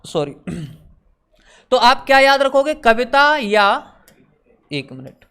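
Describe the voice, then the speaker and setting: A man teaching an exam-prep lesson. He repeats each point, quizzes listeners with questions, slows down on key words and adds teasing asides. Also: very high voice, big pitch swings, bright, forceful tone, clean tone.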